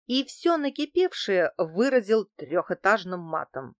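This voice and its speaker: A woman narrates a crime novel in the first person, steady and even in a middle register. The sound is dry and close to the mic, with no room echo. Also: medium pitch, measured pace. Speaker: audiobook narrator.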